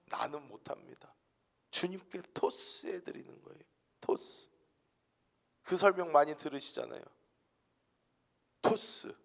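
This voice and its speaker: Korean pastor swinging between whisper and shout. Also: male voice, a little high, lively intonation, measured pace, vocal fry, long pauses. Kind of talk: Friday night sermon. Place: church.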